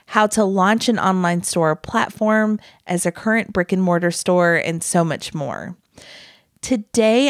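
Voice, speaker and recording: An emphatic woman podcast host in her thirties with a drawl, talking straight to her listeners as friends. Her voice sits at a middle pitch and is recorded up close with a dry, roomless sound. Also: no echo. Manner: earnest, emphatic, addresses listeners as friends and y'all. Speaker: podcast host and small business owner. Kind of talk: scripted solo podcast talk.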